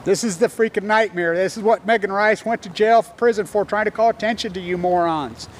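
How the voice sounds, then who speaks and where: A man in his fifties delivers a furious, profane rant with a high-pitched voice. He speaks urgently into a phone held at arm's length, standing outdoors. Faint background noise sits under his voice. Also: a little fast. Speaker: video blogger. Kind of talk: angry selfie rant. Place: outdoors on a campus lawn. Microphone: phone camera at arm's length.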